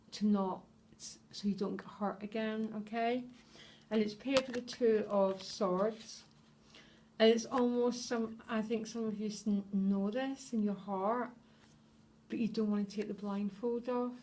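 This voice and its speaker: A woman giving a tarot reading straight to her viewers, earnest and openly emotional, often pausing to check in with them. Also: medium pitch, steady tone, darkish tone, a little hiss or hum. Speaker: tarot reader.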